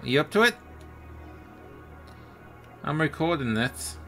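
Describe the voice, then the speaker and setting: A man's voice: a little high, very animated, slow pace, bright, forceful tone. A man casually commentating on a fighting game he is playing, self-deprecating and exclaiming in surprise at each moment. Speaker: gaming channel host. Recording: game music playing behind.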